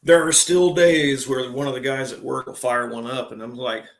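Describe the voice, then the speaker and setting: A man's voice: medium pitch, fairly even intonation, normal speed, creaky. A man in his forties hosting a casual live stream, chatting in a laid-back way and greeting viewers as they join. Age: 40s.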